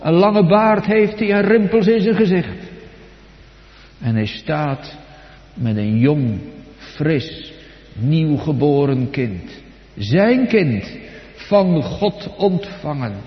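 A man with a high-pitched voice delivers a slow, deliberate sermon, dropping to near whispers and then rising to loud, ringing phrases. He puts questions straight to his listeners. The recording is dull and lo-fi, with a long reverb from a large hall. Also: lively intonation. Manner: dramatic, swinging between soft and loud; addresses the congregation directly with questions. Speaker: preacher. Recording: echoey hall, dull lo-fi sound.

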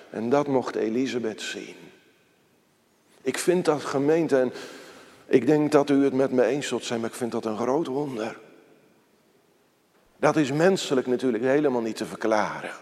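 A man preaching a sermon to his congregation, slow and emphatic, quoting scripture in a solemn tone. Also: medium pitch, a little mellow. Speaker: pastor. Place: church. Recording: church hall reverb.

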